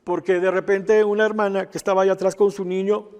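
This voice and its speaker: High-voiced male pastor in an echoing hall. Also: little pitch movement, fast talker, darkish tone, clear, resonant tone. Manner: storytelling, with frequent asides asking "¿verdad?". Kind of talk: sermon testimony.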